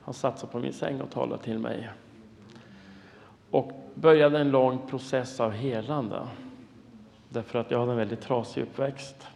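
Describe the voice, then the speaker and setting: A man in his fifties, a pastor, giving an earnest, emotional sermon testimony and dropping to a hushed voice for prayers. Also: medium pitch, fairly even intonation, creaky, long pauses, big-room sound. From Norway and the United States.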